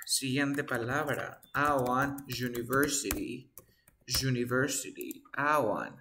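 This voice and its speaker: A man teaching an online class, speaking slowly and patiently, stopping often to ask his students questions. His voice is bright and forward, and the sound is a plain video-call recording. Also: mid-range voice. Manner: slow, patient explaining with frequent questions to students. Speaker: English teacher. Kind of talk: online class taught in Spanish.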